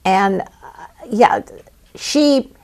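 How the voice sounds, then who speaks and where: A woman in her seventies, an actress and playwright, telling stories in an animated, theatrical way during an interview. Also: mid-range voice, very slow. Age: 70s. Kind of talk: interview conversation.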